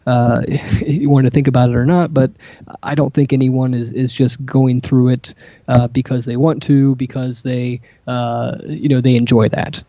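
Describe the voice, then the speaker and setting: A man co-hosting a casual panel discussion, talking haltingly with many fillers and restarts. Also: medium pitch, little pitch movement, dark tone, dry recording. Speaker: co-host. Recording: dull lo-fi sound.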